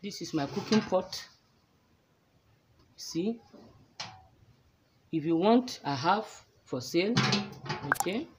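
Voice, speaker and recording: Slow woman explaining a craft. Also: lowish voice, expressive. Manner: slow, chatty step-by-step explaining. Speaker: soap-making instructor. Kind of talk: casual hands-on demonstration. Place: indoor workspace. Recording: noisy phone recording.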